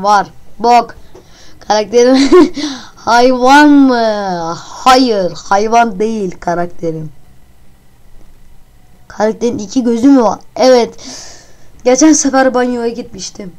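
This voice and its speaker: Host type: giggly woman gamer, slow delivery, fairly high voice, crude jokes, casual commentary. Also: darkish tone. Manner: giggly, answers questions aloud and jokes crudely. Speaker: channel host playing a guessing game.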